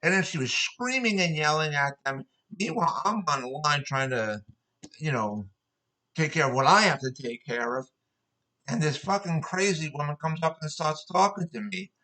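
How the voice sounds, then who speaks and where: A man's voice: a little high, animated, moderate pace, bright, forceful tone, rough recording. A man ranting to camera about everyday annoyances, swearing often and telling his stories in an exasperated, repetitive way. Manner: profane, exasperated, repetitive storytelling. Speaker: vlogger. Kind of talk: angry ranting monologue.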